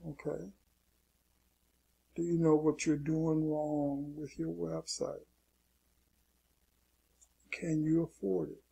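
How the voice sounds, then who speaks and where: A man's voice: a little high, level tone, slow, creaky, pauses often, warm tone, slightly rough. A man teaching an online marketing lesson in a loose, casual way, often saying "okay" and repeating his warnings. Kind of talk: casual screen-share tutorial.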